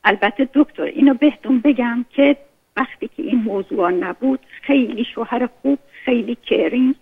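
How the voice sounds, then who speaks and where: A woman's voice: fairly high pitch, slightly rough. A woman calling in to an advice show, hesitant and defensive, stumbling over her words. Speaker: caller. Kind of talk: phone-in conversation. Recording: tinny phone line.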